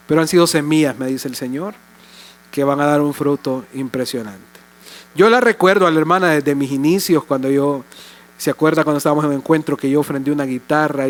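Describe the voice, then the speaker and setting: Older pastor man preaching in church, kinda high voice, goes from fired up to soft and tender. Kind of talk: sermon.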